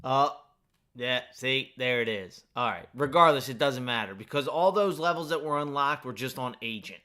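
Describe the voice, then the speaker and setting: A man's voice: mid-range voice, normal speed, bright, forceful tone. A man streaming a game, talking in a rambling, casual way and interrupting himself while eating lunch, without his usual mic. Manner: rambling, self-interrupting, chatty. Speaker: gaming streamer. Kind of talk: casual live-stream chat while playing. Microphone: not using his usual mic.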